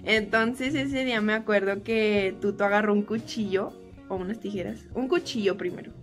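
A young woman with a Mexican Spanish accent telling a storytime vlog, animated and laughing often as she acts out the quotes. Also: mid-range voice, moderate pace, faint music behind. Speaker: vlogger.

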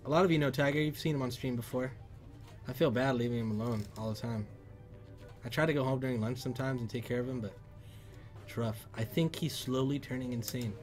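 Male livestream host, mid pitch, loose casual chat, faint music behind. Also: a little fast. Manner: loose and chatty, bursts of loud excitement. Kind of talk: casual livestream chat, reading viewer comments. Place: PC workshop.

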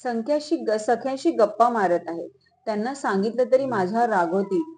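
A woman voicing a nervous young maidservant in a palace who speaks in a hurried, anxious way. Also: a little high, lively intonation, darkish tone, natural voice, poor audio. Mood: hurried worried.

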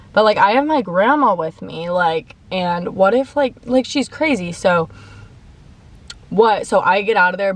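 A young woman telling a story in casual chat between bites of food, peppering her talk with "like", recorded in a parked car. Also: lowish voice. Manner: chatty, heavy use of "like", talks between bites. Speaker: mukbang vlogger. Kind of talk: casual storytime while eating. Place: parked car in a parking lot.

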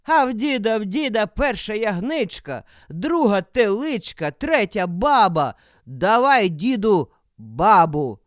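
A woman voicing a hungry, threatening male wolf who shouts his singsong demands in a storybook. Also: fairly high pitch, sing-song, measured pace, no echo, clean studio sound, pitched above the performer's own voice. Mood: singing demand.

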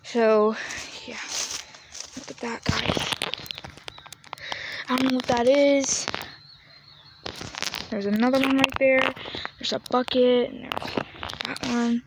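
Walking around a farm yard, a young woman records a casual vlog on a handheld phone camera, and the outdoor audio is noisy. She's chatty and often whispers, speaking slowly with frequent pauses in a slightly high voice with fairly even intonation.

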